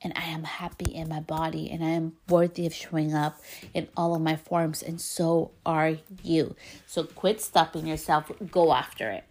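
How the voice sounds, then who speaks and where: A podcast host with Spanish-accented English delivers an earnest, emphatic motivational monologue. Her voice sits on the low side with vocal fry.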